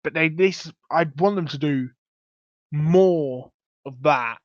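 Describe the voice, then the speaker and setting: A man's voice: on the high side, slow, dry recording. A young man hosting a podcast, talking casually and enthusiastically, rambling a bit. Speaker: podcast host. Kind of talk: casual chat. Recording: dull, lo-fi dry sound.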